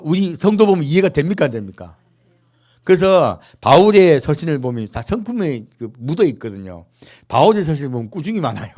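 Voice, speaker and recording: A pastor with a fairly high, darkish-toned male voice gives a sermon in church. Along the way he asks the congregation rhetorical questions and adds playful bits of humor.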